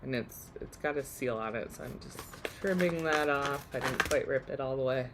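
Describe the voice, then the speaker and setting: A woman's voice: a bass voice, normal speed, noisy background. A woman host losing her voice, giving a chatty, upbeat live DIY demonstration. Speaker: workshop host.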